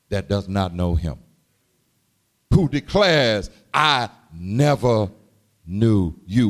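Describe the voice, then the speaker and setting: Slow, sing-song preacher man. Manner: cadenced preaching, swings from low murmurs to shouted sung phrases; repeats and calls to the congregation. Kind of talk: sermon.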